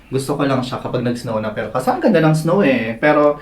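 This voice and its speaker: Animated Filipino man telling stories. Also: mid-range voice, quick pace, reverberant. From Philippines. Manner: animated storyteller, mixes Tagalog and English. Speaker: podcast co-host. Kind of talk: casual chat.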